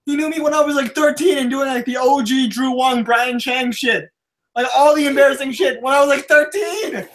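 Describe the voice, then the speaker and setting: A young man with a notably high voice hosts a casual podcast. He rambles, gets excited and swears freely, often short of breath. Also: a little fast. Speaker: podcast host. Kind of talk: casual chat.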